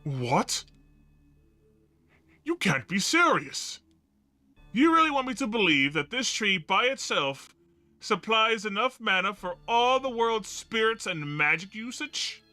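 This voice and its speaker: A man's voice: high-pitched, sing-song, slow, bright, forceful tone, no echo, soft background music, voice pushed up, full character voice. A man voicing a self-important, skeptical male scholar in a game, sounding pompous and scoffing.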